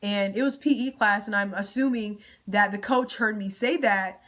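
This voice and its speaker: A woman's voice: medium pitch, normal speed, fairly bright tone. A young woman venting in a storytime vlog, emotional and close to tears at times, talking straight to her viewers with casual slang. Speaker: vlogger.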